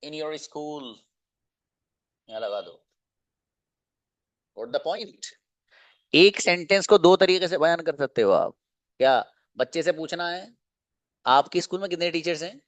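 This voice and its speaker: A man teaching spoken English in an online class, drilling phrases slowly and asking students to repeat them. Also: on the high side, lively intonation. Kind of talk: slow, explanatory online class.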